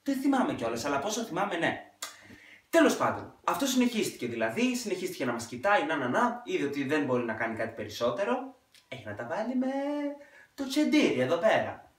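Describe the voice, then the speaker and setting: Animated young man telling a story. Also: fairly high pitch, distant mic. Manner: animated, dramatic retelling with sudden loud outbursts. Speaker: vlogger. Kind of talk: casual storytime monologue. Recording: echoey room, off-mic.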